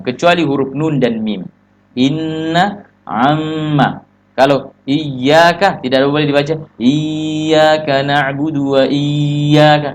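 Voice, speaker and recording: A man with an Indonesian accent teaching tajwid, explaining in short phrases and slipping into slow chanted recitation. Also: medium pitch. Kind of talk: religious tajwid lesson with recited examples.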